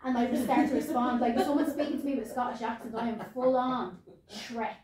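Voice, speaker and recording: Echoey, higher-voiced Irish woman chatting. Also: a little fast, crowd noise. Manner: chatty, animated storytelling with quoted asides. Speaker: podcast co-host. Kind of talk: casual unscripted chat. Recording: echoey room, distant mic.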